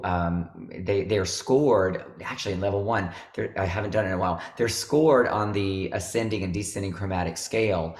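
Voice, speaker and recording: A man's voice: low-pitched, echoey room. A man in his fifties, a veteran music teacher hosting a video call, talking in a rambling, chatty way full of fillers. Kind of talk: casual video-call chat.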